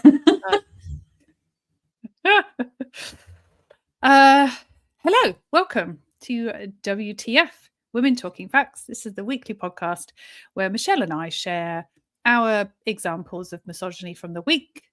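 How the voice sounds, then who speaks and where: A woman hosting a live podcast in a loose, chatty way. She speaks bluntly, swears without hesitation and laughs between points. Her voice sits at an ordinary pitch and sounds close and dry, with no room echo. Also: lively intonation. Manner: frank, sweary and quick to laugh. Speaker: podcast host and founder. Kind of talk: casual live podcast chat.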